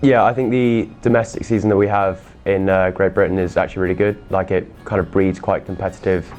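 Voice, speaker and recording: A young man of eighteen answers interview questions in a steady, measured way, leaning on "like" and "um". His voice sits very low and barely moves in pitch. Soft music plays behind him. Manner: steady, measured, filler-heavy. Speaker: junior rowing crew member.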